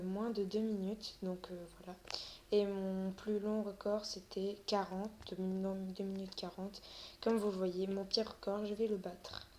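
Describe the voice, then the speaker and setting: A woman's voice: medium pitch, mellow, slight background noise. A woman giving casual commentary while playing a video game, hesitant and full of fillers, and she stammers often. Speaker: gaming video creator.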